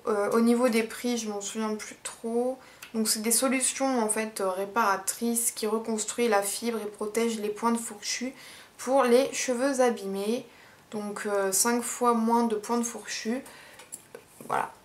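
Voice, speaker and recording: A young woman chatting casually in a haul vlog, unhurried, with many fillers. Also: on the high side, steady tone. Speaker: beauty vlogger.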